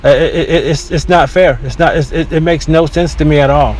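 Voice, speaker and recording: A man with a somewhat high voice talks his way through a casual podcast monologue from the seat of a car. He is opinionated and rambles, often restarting his sentences. The recording is low quality, with a faint hum of background noise from the car and street. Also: fairly even intonation, brisk, darkish tone. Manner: talkative, opinionated, with frequent restarts. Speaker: podcast host. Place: inside a car near a beach.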